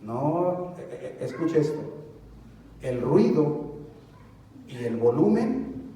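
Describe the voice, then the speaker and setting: A man's voice: fairly high pitch, sing-song, very slow, mellow, recorded from a distance, slight background noise. A male pastor preaching a sermon, acting out little scenes and leading his congregation in call-and-response. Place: church sanctuary. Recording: echoey church hall, voice from afar.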